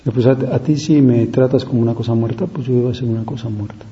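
A man preaching a reflective devotional sermon, slow and thoughtful, asking rhetorical questions with pauses between them. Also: mid-range voice, steady tone, warm tone, muffled recording.

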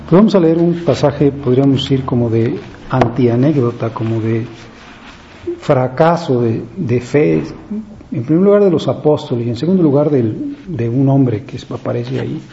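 Man, priest, reflective conversational sermon, dark warm voice, slightly dull recording. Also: medium pitch, animated. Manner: reflective, conversational preaching with many pauses and fillers. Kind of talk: spoken meditation on a gospel reading. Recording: slightly dull, faint background noise.

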